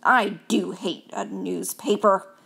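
A woman's voice: medium pitch, takes it slowly, vocal fry, fairly bright tone, breathy edge, heavily acted. A woman reading aloud, voicing a fussy, complaining male mouse in a picture-book story.

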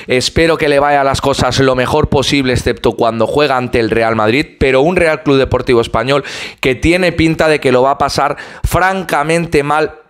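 A man hosting his fan channel, giving a fluent, opinionated match recap and analysis as a voice-over, with occasional "eh" pauses. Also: medium pitch, fairly even intonation, clear, resonant tone.

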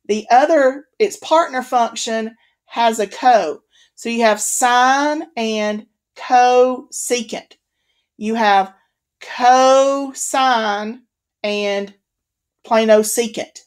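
A woman with a somewhat high voice explains trigonometry in a recorded lecture. She is patient and steady, circling back to key points and checking in with an "okay" now and then. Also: drawn-out words. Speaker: math instructor.

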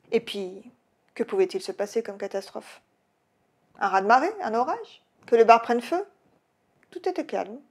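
A woman's voice: a little high, darkish tone. Woman reading her own novel aloud. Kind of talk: audiobook reading.

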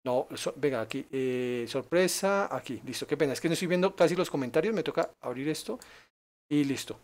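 Streamer man, high voice, excitable live play commentary. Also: fairly quick. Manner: excitable, yelps and laughs at danger, chats with viewers. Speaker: gaming streamer.

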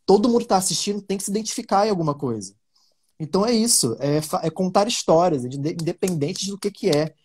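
Brazilian man, interview guest, slightly high husky voice, animated rambling storyteller. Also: quick pace. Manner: animated storytelling with many fillers and restarts. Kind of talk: casual interview talk.

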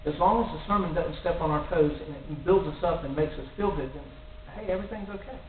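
A man's voice: a little high, fast talker. A middle-aged man giving an earnest sermon in a small church, speaking into a stand mic and building to emphatic warnings. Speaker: lay preacher. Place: small church room in front of a cross. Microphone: stand mic near the mouth. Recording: tinny, echoey, distant with faint hiss.

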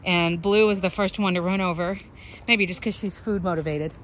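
A woman with kids around films her backyard chickens on a handheld phone, chatting away as she explains how things are built and calls the hens in a high sing-song. Her voice is steady, a bit bright, and moderately paced. The low-quality recording carries a little hiss or hum.

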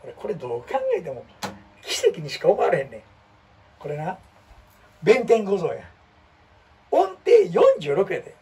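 A man's voice: a little high, moderate pace, long pauses, husky, distant mic. A man with a Kansai accent chatting casually and animatedly, poking fun at himself as he talks through his things. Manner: chatty, animated, self-mocking. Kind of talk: casual chat.

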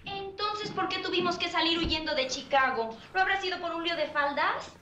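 Shrill, high-pitched nagging wife. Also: female voice, fairly quick, pushed and bright, faint music behind. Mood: suspicious, indignant. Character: jealous, nagging, suspicious wife in comedy film. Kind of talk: comedy film acting. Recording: echoey, faintly noisy film soundtrack.

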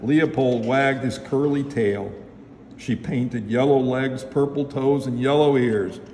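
A man's voice: mid-range voice, slow. Man reading a picture book in a hall. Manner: lively, expressive storytelling. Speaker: storybook reader, local official. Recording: echoey hall, faint noise.

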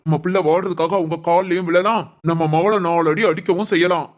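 A woman's voice: on the low side, steady tone, brisk, natural voice. A woman voicing a strict, domineering middle-aged father who scolds his family in a cartoon family drama. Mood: stern.

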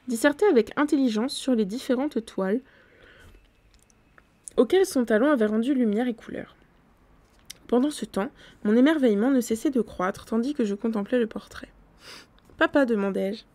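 A woman reads a nineteenth-century gothic novella aloud for her live audience, keeping a steady storytelling flow and correcting herself now and then. Her voice sits a little high, and the close microphone sounds dry. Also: normal speed, no echo. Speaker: book reader on a live stream.

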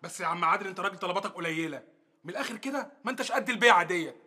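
An actor playing a boastful, shady antiquities dealer with a husky voice and an Egyptian accent. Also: male voice, sits high, racing, pushed and bright, full character voice. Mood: brash. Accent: Egyptian Arabic. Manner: brash, bragging.

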